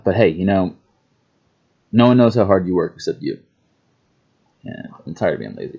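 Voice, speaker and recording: A man's voice: low-pitched, creaky, mellow, husky, dull audio. A man talking to camera in a casual self-introduction vlog, rambling and musing, often breaking into chuckles. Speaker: vlogger.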